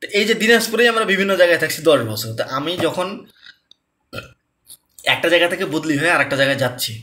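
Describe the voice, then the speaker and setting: A man's voice: fairly high pitch, expressive, fast talker, pushed and bright, a little hiss or hum. A man from Bangladesh in his thirties, giving a casual, conversational personal talk that repeats its points and keeps asking the listener to agree. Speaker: lecturer.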